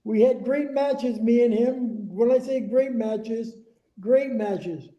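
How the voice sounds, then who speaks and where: Heard over echoey, muffled group call audio, a former wrestler in his later years speaks slowly in a very high-pitched voice. He's a remote interview guest, telling casual stories and repeating phrases to stress them.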